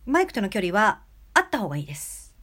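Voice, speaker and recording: A woman hosting a casual solo podcast lesson, talking close to an angled mic and demonstrating shifts in speed, pitch and loudness. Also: wildly swooping pitch, fast talker. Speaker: podcast host giving recording tips. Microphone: close mic about ten centimeters away, angled.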